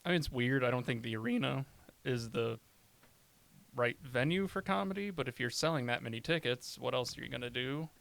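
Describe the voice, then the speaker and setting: A man's voice: mid-range voice, animated, a little fast, vocal fry, fairly bright tone. A man, a stand-up comedian, chatting casually on a podcast, telling rambling stories and swearing often. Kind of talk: casual chat.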